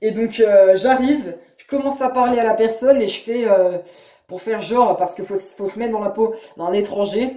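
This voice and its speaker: A woman's voice: mid-range voice, normal speed, dark tone. A young woman vlogger in casual chat, talking in a hesitant, chatty way. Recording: echoey room.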